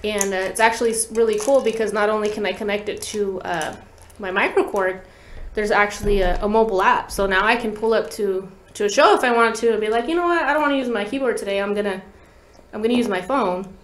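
A young woman talk box player, appearing as a guest, speaks briskly with fairly even intonation in a mid-range voice, keeping the interview chat casual and slangy as she demonstrates. A tabletop podcast microphone in a small indoor studio records roomy echo and light background noise.

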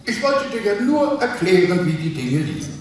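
An actor playing a petulant, henpecked husband in a live comic sketch reading on a theater stage, talking in a blustering, indignant way with chuckles. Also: male voice, high voice, very animated, normal speed, distant mic. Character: petulant henpecked husband plotting against wife. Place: theater stage before an audience. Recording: echoey, noisy live theater recording from afar.

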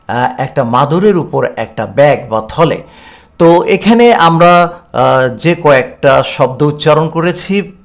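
A male teacher explaining a textbook English lesson, sounding out words slowly and filling pauses with "uh". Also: fairly high pitch, gravelly. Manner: slow and explanatory with many "uh" fillers.

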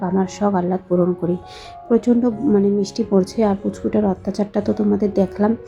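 A young woman with a hoarse voice from a cold, chatting slowly and softly to her viewers in a voice-over for her home vlog. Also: medium pitch, dull audio. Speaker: vlogger, housewife.

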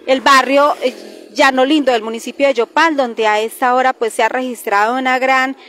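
A woman's voice: sits high, steady tone, moderate pace, fairly bright tone, a little hiss or hum. A woman reporter giving a live field report outdoors, hesitant with many fillers. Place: roadside outdoors.

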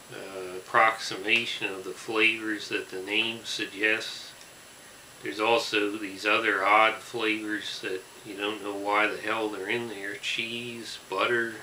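A man reviews snacks in a slow, deadpan way. His voice is sharp and forward with a gravelly creak. He sounds recorded on a camera mic in a room, with faint hiss. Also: fairly low pitch, roomy sound, low-quality recording. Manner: slow, deadpan, deliberate listing. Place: small room indoors with fabric backdrop.

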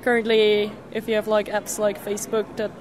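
A woman's voice: medium pitch, monotone, brisk. A woman from Austria, a developer, answering interview questions in a frank, lightly dry way. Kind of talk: casual interview.

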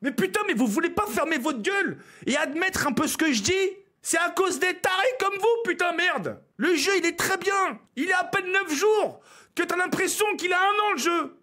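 A man's voice: extremely high pitch, expressive, moderate pace, bright, forceful tone. A man from France streaming a game, ranting at his viewers with exasperation, swearing and stumbling over his words. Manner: exasperated, swearing, stammering restarts.

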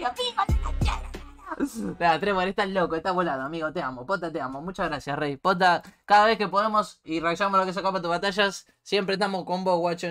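A man's voice: high voice, fairly bright tone. A young man with an Argentine accent, a streamer freestyle rapping and then thanking his chat in rambling street slang. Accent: Argentine Spanish. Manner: slangy, rambling, fast-flowing street talk.

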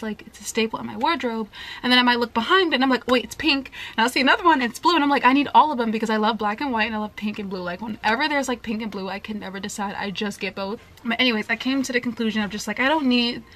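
A woman's voice: fairly high pitch, a bit bright. Chatty young woman, lots of "like". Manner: chatty, filler-heavy, lots of "like". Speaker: vlogger. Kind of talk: casual haul vlog. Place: bright room at home, indoors. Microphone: camera facing her at close range.

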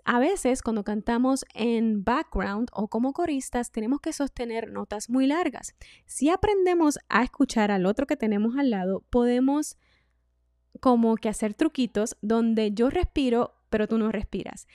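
A woman vocal coach, giving a singing lesson in a clear, instructive way. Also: fairly high pitch, lively intonation, normal speed, no room sound, studio quality. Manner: clear instructive delivery, demonstrates loud and whispered speech.

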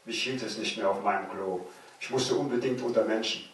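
A German man in his sixties reading aloud from his own memoir, measured and slowing down for suspense. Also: on the low side, fairly even intonation. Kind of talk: literary reading. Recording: very echoey room, distant mic.

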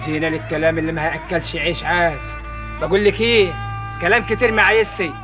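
A man's voice: fairly high pitch, fairly even intonation, quick pace, lightly acted. An actor playing a callous, scornful young Egyptian man with a cold, dismissive way of talking, in a TV drama with a music score. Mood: callous, mocking.

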